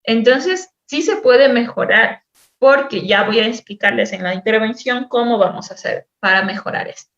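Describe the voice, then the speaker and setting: A woman teacher-therapist giving a lecture on spelling intervention, explaining patiently, repeating words and drawing out sounds slowly as examples. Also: a little high, fairly bright tone. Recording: echoey room, dull lo-fi sound.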